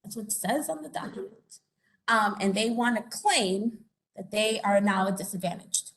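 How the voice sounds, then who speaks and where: Speaking in a meeting or conference room, this investigator from Puerto Rico presents information conversationally, sprinkling in many fillers and tag questions. She has a medium-pitched, expressive voice at a moderate pace. Slight hiss or hum can be heard.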